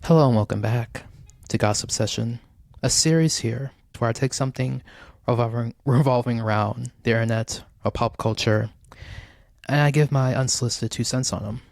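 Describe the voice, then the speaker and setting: A man's voice: medium pitch, moderate pace, vocal fry, no room sound, clean studio sound. A man hosting a pop culture commentary series in a casual spoken style. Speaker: host.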